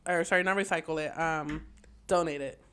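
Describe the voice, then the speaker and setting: A woman with a slightly low-pitched voice co-hosts a casual podcast. She tells stories conversationally, leaning on "like" and adding a playful, teasing edge. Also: fairly even intonation, normal speed, fairly bright tone, smooth. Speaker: podcast co-host. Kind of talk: casual storytelling chat.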